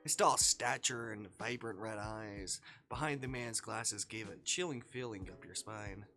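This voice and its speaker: Bright-voiced man reading a story on stream. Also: lowish voice, measured pace, soft background music. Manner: playful, breaks into laughing asides. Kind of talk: reading fan fiction aloud on a live stream.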